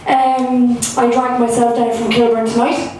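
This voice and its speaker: A young Irish woman performs stand-up on a comedy club stage, her fairly high, darkish voice loose and self-mocking, full of fillers, with little pitch movement at a measured pace. She sounds far from the mic, the room echoes heavily, and a faint hum of room noise lies beneath.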